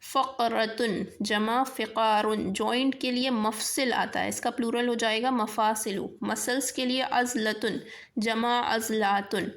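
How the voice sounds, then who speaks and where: A woman teaching a vocabulary lesson in speech, dictating word pairs slowly and checking in with the class. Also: on the high side, fairly even intonation. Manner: slow careful dictation of word pairs, frequent rising checks.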